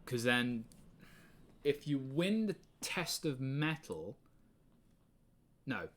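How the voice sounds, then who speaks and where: A man's voice: mid-range voice, big pitch swings, extremely slow, a bit bright. Man, twenties, English accent, live stream host, casual rambling chat, sweary, laughs a lot. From England. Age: 20s.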